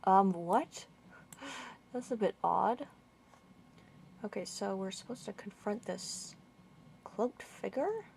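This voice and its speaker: A woman giving casual gameplay commentary, thinking aloud and puzzling over where to go. Her voice sits at mid pitch with a gravelly fry. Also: expressive, takes it slowly, long pauses, darkish tone, a little hiss or hum. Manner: muttering, thinking aloud, confused questions. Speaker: gamer playing through a walkthrough.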